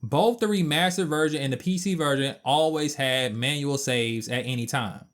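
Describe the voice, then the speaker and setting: A man's voice: mid-range voice, moderate pace, a bit bright. A man in his twenties giving a casual, opinionated game review with blunt, emphatic asides. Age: 20s.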